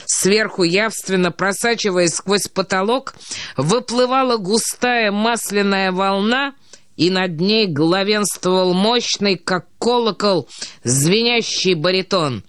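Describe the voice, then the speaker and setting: A woman's voice: mid-range voice, clean tone, dry recording, clean studio sound. Woman narrating a literary audiobook. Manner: measured, expressive reading.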